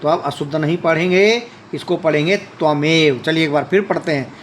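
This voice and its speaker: A man's voice: on the high side, a little fast, slight background noise. A man teaching a Sanskrit lesson, reading lines aloud and then explaining them. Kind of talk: classroom explanation.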